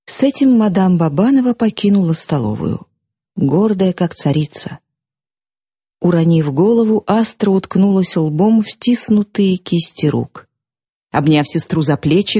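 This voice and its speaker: A woman narrating an audiobook in a measured, steady storytelling voice. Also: on the low side, slightly rough, no echo.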